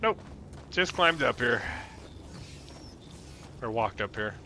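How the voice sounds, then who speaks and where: Excitable male gamer, voice swooping up and down. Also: mid-range voice, slow pace, slight background noise. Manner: excitable, blurts exclamations. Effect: voice sounds as if inside a helmet. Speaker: video game player, newcomer learning the game. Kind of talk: casual gameplay chat and reactions. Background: game music, gunfire and explosions.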